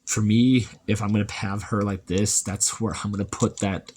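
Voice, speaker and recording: Low-voiced man chatting through a toy review. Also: normal speed, slight background noise. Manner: relaxed, chatty, thinking aloud while handling a figure.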